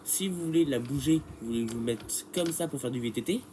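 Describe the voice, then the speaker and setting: Speaking a little fast in a medium-pitched, dark-toned voice, a bike repair tutorial maker talks through a fix while nursing a head cold. His explanation is casual and rambling, packed with fillers and restarts, and there's slight background noise.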